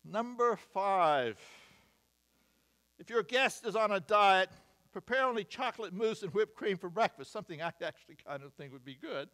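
An older American man preaching a sermon at a church pulpit, measured and wry, reading lists with emphasis. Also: sits high, animated, pushed and bright. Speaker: pastor. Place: church sanctuary, at a wooden pulpit. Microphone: pulpit mic, far camera.

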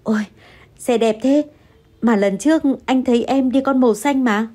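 A woman's voice: on the high side, normal speed, mellow, lightly acted. A woman voicing an irritable young husband who answers curtly in an audio story. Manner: curt, dismissive. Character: irritable young husband, curt and money-proud.

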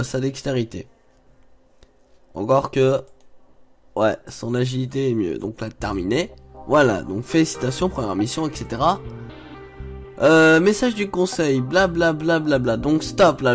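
A man's voice: mid-range voice, darkish tone. Young male let's-play host, chatty and loose, walks through menus as he clicks, faint game music behind. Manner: chatty, explains menus as he clicks, frequent fillers. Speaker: gaming video host. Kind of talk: casual let's play commentary.

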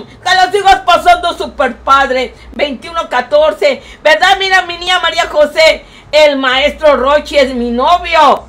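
A woman with a Mexican accent chats through a live stream, reading out viewers' messages. Her voice sits high, and she dotes on everyone in a grandmotherly way, breaking into loud excited cries now and then. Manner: doting, showers viewers with endearments like a grandmother.

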